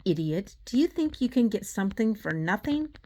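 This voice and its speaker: A woman's voice: sing-song, normal speed, a little mellow. A woman voicing a haughty fairy queen who shrieks and snaps orders in a storybook reading. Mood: scornful. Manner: shrill, imperious, snapping.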